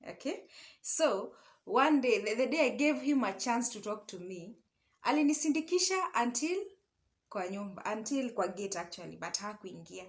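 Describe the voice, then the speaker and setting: Speaking at a normal speed with lively intonation, a young Kenyan-accented woman tells a story from her own life. Her voice sits a little high. She's an online storyteller and love coach, and her casual talk blends Swahili with English, punctuated by frequent tag questions to her listener.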